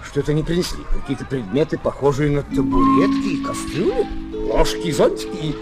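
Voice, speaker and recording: Exuberant, high-voiced, boastful Baron Munchausen. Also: male voice, fairly quick, loud music behind the voice. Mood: pompous, puzzled. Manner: pompous, excitable, effusive. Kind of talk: theatrical children's audio play acting.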